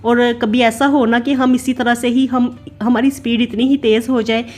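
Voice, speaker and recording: Soft music plays behind this separately recorded voice-over from a mother in her thirties from Pakistan who vlogs her home cooking and routine. She speaks at a moderate pace in a high-ish, darkish voice with little pitch movement. She's chatty and meandering, leaning heavily on the filler "na."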